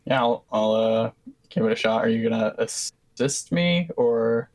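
A man's voice: medium pitch, measured pace. A man playing a tabletop role-playing game, chatting casually with laughs and stammered restarts. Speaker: player. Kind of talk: tabletop role-play chat.

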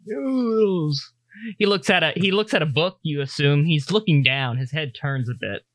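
Male game master, fairly high voice, dry close sound, halting improvised scene-setting for a tabletop game. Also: fairly bright tone, no echo.

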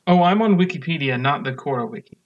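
A man's voice: fairly high pitch, expressive, fast talker, lo-fi sound. A man co-hosting a casual podcast, joking dryly and chuckling often. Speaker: podcast co-host.

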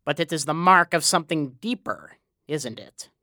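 A woman voicing a thin, sly little man who talks in a slow, wheedling, persuasive way, reading a storybook. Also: sits low, expressive, bright, forceful tone, no room sound, clean studio sound, pitched below the performer's own voice, exaggerated voice. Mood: scheming.

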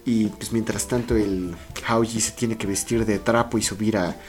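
A man's voice: on the low side, steady tone, normal speed, faint music behind. A man, co-hosting a podcast, recapping an anime in casual chat. He rambles playfully with lots of fillers. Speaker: podcast co-host.

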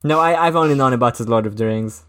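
A man's voice: medium pitch, fast, fairly bright tone. A man in casual podcast chat, rambling with lots of fillers.

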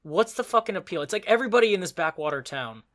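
Man, high voice, bright tone, sweary, sarcastic, ranting podcast chat. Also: animated, fast talker. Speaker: podcast co-host.

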